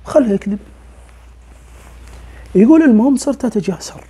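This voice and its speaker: A man's voice: extremely high pitch, fairly quick, a little hiss or hum. A man telling a spooky tale, acting out dialogue and sometimes dropping to a whisper. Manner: lively, acts out dialogue, drops to whispers. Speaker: storyteller. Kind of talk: oral storytelling of a spooky tale.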